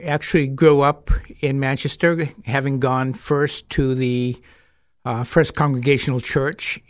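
A man's voice: medium pitch, fairly even intonation, dry recording, clean studio sound. Reflective middle-aged man, radio guest. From United States. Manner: measured, reflective storytelling. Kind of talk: radio interview. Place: radio studio. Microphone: studio mic with headphones.

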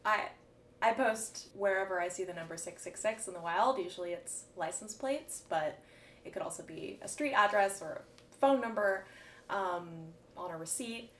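A woman's voice: mid-range voice, normal speed. Female host, easygoing and thoughtful, heard at a distance in a roomy space. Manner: relaxed, musing, many "um"s and soft laughs. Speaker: podcast host. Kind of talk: casual podcast conversation. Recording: roomy, distant mic with faint background noise.

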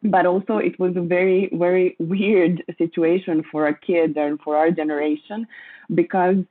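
A woman in her thirties from Croatia, speaking as a panel guest in halting English, often pausing and restarting to find her words. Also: fairly low pitch, steady tone. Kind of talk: panel discussion. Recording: tinny phone-like line.

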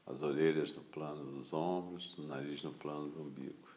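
Speaking in short, unhurried phrases broken by pauses, a man with a Brazilian Portuguese accent guides a meditation as its teacher. His voice is calm and extremely low in pitch.

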